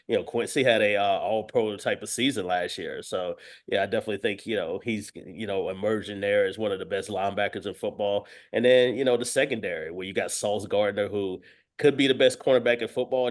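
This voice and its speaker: A man with a voice on the low side appears as a guest sports analyst, offering conversational football commentary peppered with verbal tics like "you know."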